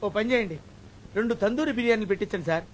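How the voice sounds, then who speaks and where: A man's voice: high voice, racing, slight background noise, close to an everyday voice. A man playing a bumbling comic character who pleads, whines and cracks jokes, over film music. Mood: whining. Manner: whiny, pleading and wisecracking. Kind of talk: Telugu film comedy acting. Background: film score music.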